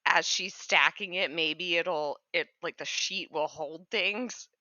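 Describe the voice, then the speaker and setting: A woman player casually describing her character's moves in a tabletop game, halting as she searches for words. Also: on the low side, bright, forceful tone, dull audio. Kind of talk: casual improvised game talk.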